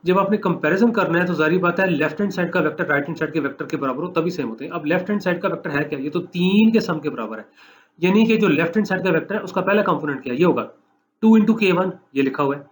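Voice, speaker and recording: A man's voice: on the high side, slight background noise. Male math lecturer, explaining step by step. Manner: explanatory, repeats steps, dictates slowly for note-taking.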